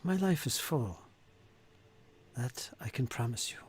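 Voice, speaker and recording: A man voicing a wary, mystical elf druid in a tabletop game, solemn and dramatic, dropping into breathy whispers. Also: mid-range voice, lively intonation, unhurried. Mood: guarded, grave.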